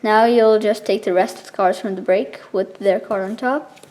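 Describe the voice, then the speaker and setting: Woman giving a halting card trick tutorial. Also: mid-range voice, steady tone, a little mellow. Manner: informal, explanatory, halting between steps. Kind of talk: casual step-by-step spoken tutorial.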